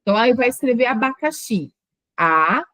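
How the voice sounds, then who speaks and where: A woman teaches a lesson, her voice sitting fairly high. She explains patiently and breaks words into slow syllables. The sound is dry and close, with no room echo. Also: lively intonation. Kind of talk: online exam-prep lecture.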